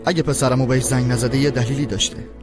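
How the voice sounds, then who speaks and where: Casting: man as a soothing dad, mid-pitched, clear music behind. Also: steady tone, lightly acted. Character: calm father defending his son. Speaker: father. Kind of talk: dubbed TV drama.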